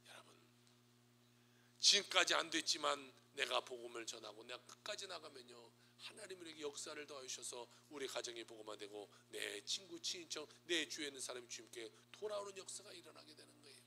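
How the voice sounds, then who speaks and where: Male pastor, sermon delivery, bright and forceful, dramatic loud-and-hushed storytelling, faint hum. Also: medium pitch, expressive, fairly quick, creaky.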